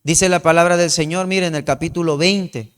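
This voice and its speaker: A man's voice: fairly high pitch, steady tone, normal speed, fairly bright tone, smooth. A male pastor preaching a sermon, retelling the story and repeatedly calling the listener his beloved brother.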